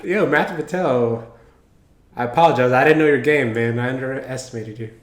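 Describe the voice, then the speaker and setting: A man with a mid-range voice talks briskly as he hosts a reaction video, giving casual running commentary packed with slangy exclamations. The background is noisy, the room echoes, and music from the show he's watching plays behind him.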